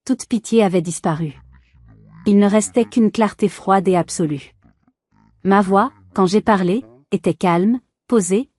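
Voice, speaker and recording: A woman telling a first-person story in a calm, even, measured way. Her tone is dark and mellow. The recording is dry and close-miked. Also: medium pitch, dry recording.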